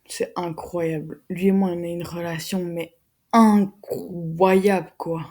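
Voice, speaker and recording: Fast-talking mellow-voiced teen girl. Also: fairly low pitch, steady tone. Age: teenager. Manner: fast, rambling, slangy with swearing. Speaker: vlogger, secondary school student. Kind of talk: casual chat to camera.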